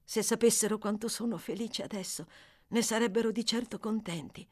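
A woman voicing a young orphan boy, polite, eager and gentle, in a raised childlike voice. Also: medium pitch, fairly quick, breathy edge, voice pushed up, close to an everyday voice.

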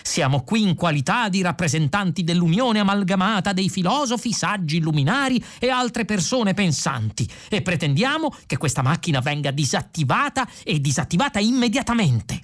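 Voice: medium pitch, very animated, normal speed, few pauses, voice pushed up, lightly acted. An audiobook reader voicing an irritable older male philosopher who blusters and threatens in a raised voice. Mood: threatening blustering. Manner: blustering, bossy.

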